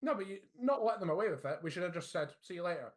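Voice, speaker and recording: A man with a fairly high voice co-hosts a casual football podcast. He talks bluntly and states his opinions without softening them. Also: animated, quick pace. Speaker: podcast co-host.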